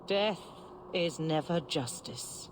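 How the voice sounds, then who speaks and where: A calm admonishing church elder. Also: female voice, low-pitched, takes it slowly, noisy background. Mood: grave. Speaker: game character.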